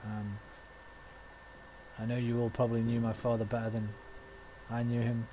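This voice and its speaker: Speaking in a warm, mid-range monotone at a moderate pace, this man streams a game despite a sore throat. He reads the in-game dialogue aloud, swears casually and talks to his chat between lines, with slight noise behind him.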